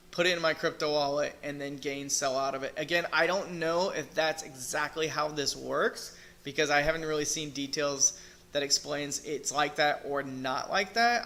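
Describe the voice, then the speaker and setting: A male crypto video reviewer does a casual screen-share review, thinking out loud with fillers, restarts and hesitation. His bright voice leans high but is hoarse and fading, since he is losing it and keeps clearing his throat.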